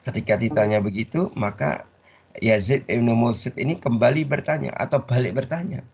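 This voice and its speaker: Guy teaching a religious class, raspy low voice, dull lo-fi sound. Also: moderate pace, a little mellow. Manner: call-and-response, leaves words half-said for the audience to finish. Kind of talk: Islamic study lecture. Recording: dull lo-fi recording.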